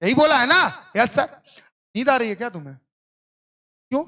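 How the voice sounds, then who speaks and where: Guy teaching a class, bright punchy voice, always asking haan ya na. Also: extremely high pitch, sing-song, moderate pace. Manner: call-and-response questioning; playful scolding. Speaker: coaching teacher. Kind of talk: classroom lecture.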